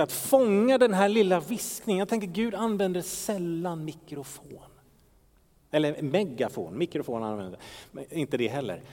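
A man's voice: a little high, darkish tone. A man preaching a sermon as pastor, asking rhetorical questions and sometimes dropping into a whisper. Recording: long reverb of a large hall.

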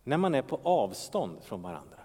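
A man's voice: mid-range voice, very animated, mellow, breathy edge. A man preaching a sermon as pastor, asking rhetorical questions and sometimes dropping into a whisper. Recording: long reverb of a large hall.

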